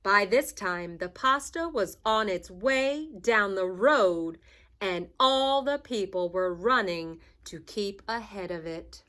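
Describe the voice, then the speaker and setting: A woman's voice: medium pitch, expressive, slow, bright, forceful tone. A woman reading a children's storybook aloud like a teacher, with dramatic emphasis and asides to young listeners.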